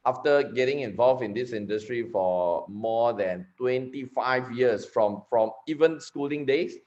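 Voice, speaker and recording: A man's voice: mid-range voice, unhurried, darkish tone. A man in his forties from Malaysia with a Malaysian accent, giving a chatty recorded conference talk on network marketing, often repeating and restarting words. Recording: slightly dull lo-fi recording.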